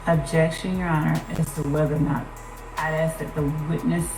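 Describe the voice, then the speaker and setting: A woman's voice: deep voice, level tone, moderate pace. A woman prosecutor raising firm, formal objections in court. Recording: echoey courtroom audio with music over it.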